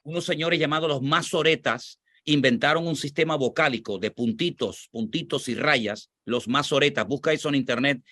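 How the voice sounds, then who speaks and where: A man's voice: mid-range voice, normal speed, few pauses, bright, forceful tone, no room sound. A man from Spain with a Spanish accent, a pastor explaining scripture and answering questions in a teaching tone, repeating his points for emphasis.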